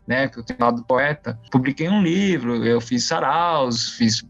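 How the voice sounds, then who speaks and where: Born in Taiwan but living in São Paulo, Brazil, since he was five, this interview guest rambles casually through his own story, cutting himself off, circling back and looking for agreement. He speaks at a moderate pace in a medium-pitched voice with vocal fry, and faint music plays beneath the dull, lo-fi audio.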